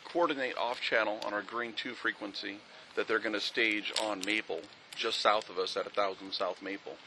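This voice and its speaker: A man's voice: lowish voice, sharp tone, a little hiss or hum, rough recording. A man, a police officer, giving a methodical, factual incident briefing outdoors at a street scene, with frequent fillers.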